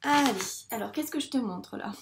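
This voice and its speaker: A woman's voice: high voice, a little fast, reverberant, background noise. A woman teacher giving a patient video lesson to a young child, stretching out words syllable by syllable. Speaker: primary school teacher.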